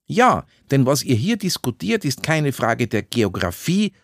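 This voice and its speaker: A man reading a story, voicing a dignified older woman, a former judge, who speaks in measured, solemn pronouncements. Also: medium pitch, big pitch swings, gravelly, dry recording, clean studio sound, voice pushed up, exaggerated voice.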